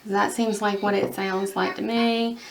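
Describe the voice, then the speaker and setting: A young woman talks in a loose, rambling way, full of little fillers, as she chats through a nail-painting vlog. Her pitch sits in a middle range. A faint hiss of background noise runs under her voice. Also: little pitch movement, measured pace. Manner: chatty, rambling, many fillers. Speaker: beauty vlogger. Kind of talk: casual chat while painting nails.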